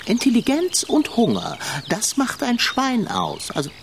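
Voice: mid-range voice, wildly swooping pitch, unhurried, gravelly, background noise, full character voice. Someone voicing a pompous gluttonous cat-turned-pig. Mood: smug. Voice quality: pompous, genteel, drawling. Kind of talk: audio drama acting.

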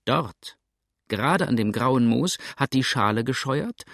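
A man voicing a sharp-eyed male hunter in an audiobook, speaking in a pointed, commanding way. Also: medium pitch, animated, measured pace, creaky, dry recording, studio quality, exaggerated voice. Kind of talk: audiobook character reading.

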